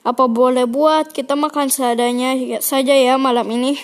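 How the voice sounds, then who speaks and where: A woman's voice: high-pitched, fairly even intonation, normal speed, close to an everyday voice. A young girl voicing a mother who nags her daughter awake, in a scolding manner.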